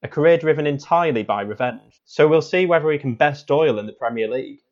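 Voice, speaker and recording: A man as co-commentator on a spoof football show, with a deadpan, cynical pundit delivery. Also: on the high side, fast talker, lo-fi sound.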